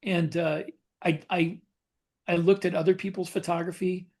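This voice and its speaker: Speaking flatly in a slightly high, darkish voice, a male podcast co-host meanders through stories from his own life, repeatedly halting to correct himself.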